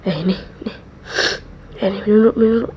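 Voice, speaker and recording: A woman in a whispered role-play, soothing a friend softly and repeating comforting words close to the mic. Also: mid-range voice, level tone, rapid-fire. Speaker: ASMR role-play creator. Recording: dull lo-fi mic with faint hiss.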